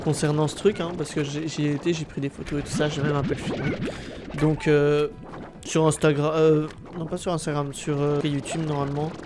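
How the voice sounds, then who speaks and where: Stuffy-nosed, high-pitched young-sounding guy gaming. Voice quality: stuffy, blocked-nose nasal sound. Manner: slangy, sweary, exclamatory. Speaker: gaming video host. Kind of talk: casual gameplay commentary to viewers. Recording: background noise behind voice.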